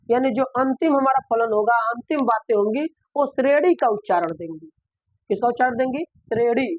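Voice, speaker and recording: A man's voice: very high voice, no echo. Man teaching math, dull dry recording. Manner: repetitive, asks and answers his own questions. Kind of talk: classroom lesson.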